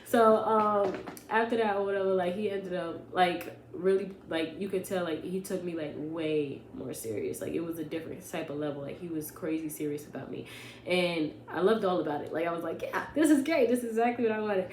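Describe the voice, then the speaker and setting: A woman's voice: on the low side, fairly quick. A young woman casually telling a personal story to her vlog audience, sarcastic and full of "like" and "you know what I'm saying". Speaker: vlogger. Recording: roomy echo with faint hum.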